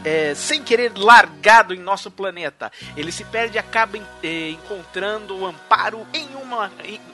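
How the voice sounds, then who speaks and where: A man's voice: high voice, moderate pace, pushed and bright, soft background music. A man co-hosting a podcast, playfully giving a plot summary with emphasis. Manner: playful, reads a synopsis with emphasis. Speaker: podcast co-host. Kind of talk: casual podcast chat.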